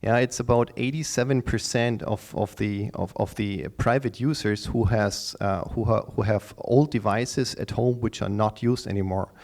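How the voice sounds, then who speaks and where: Halting middle-aged man pitching at a conference. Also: steady tone, a little mellow. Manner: halting, repeats and restarts words often. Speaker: startup pitch speaker. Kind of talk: live conference pitch to an audience.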